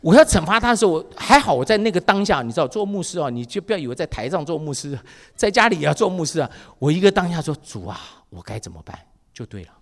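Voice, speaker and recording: A man preaching a sermon as pastor, telling stories with acted dialogue in a lively way. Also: high-pitched, very fast, big-room sound. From Taiwan.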